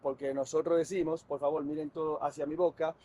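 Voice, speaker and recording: Lively Dominican tour guide, outdoors. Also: male voice, on the high side, a little fast, slight background noise. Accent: Dominican Spanish. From Dominican Republic. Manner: lively, quizzes the group with questions. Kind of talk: guided walking tour talk. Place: outdoors in a city.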